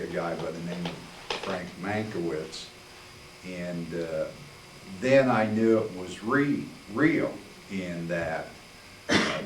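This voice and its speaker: An older man recounting his memories in a rambling public talk, full of fillers and throat clearing, heard from a distance in a library meeting room. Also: low-pitched. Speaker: guest speaker, attorney. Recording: roomy, distant, faint hiss.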